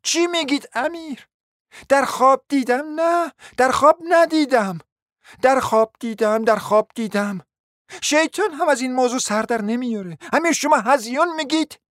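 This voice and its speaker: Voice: high-pitched, fairly bright tone, dry recording, studio quality. A performer voicing an agitated, scheming middle-aged mother in a radio play, full of exclamations and pressing questions. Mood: exasperated.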